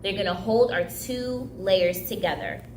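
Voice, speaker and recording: A young woman with Haitian Creole as her first language teaches kids a craft in an indoor recreation center room, speaking a little slowly in a mid-range voice. The audio is roomy with a little hiss or hum, and her manner is upbeat, chatty and prone to laughter.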